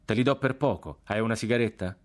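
A man's voice: fairly low pitch, fast talker, pitched above the performer's own voice, lightly acted. A man voicing a cold male partisan officer who speaks with dry, offhand irony. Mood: sardonic.

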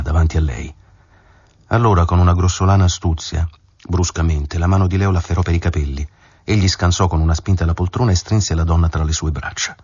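A man narrating a literary novel as an audiobook, in a measured, dramatic manner. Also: sits low, a little mellow, slightly rough, no echo. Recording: dull lo-fi dry recording.

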